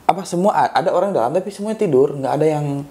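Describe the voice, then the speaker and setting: A young man with telling a ghost story in a casual, loose way, often pausing with hesitations. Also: a little high, expressive, mellow. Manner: loose and rambling, with frequent hesitations. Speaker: guest storyteller.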